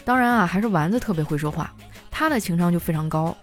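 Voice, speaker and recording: A young woman comedian telling funny anecdotes in a chatty, animated stand-up style. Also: fairly low pitch, fast talker, soft background music. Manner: animated storytelling, chatty filler particles.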